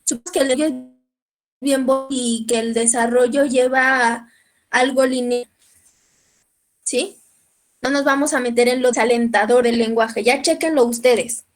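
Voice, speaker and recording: High-voiced Mexican woman teaching a class. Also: fairly even intonation, a little slow, pauses often. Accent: Mexican Spanish. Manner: checks in with listeners often, clears her throat. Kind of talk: lecture.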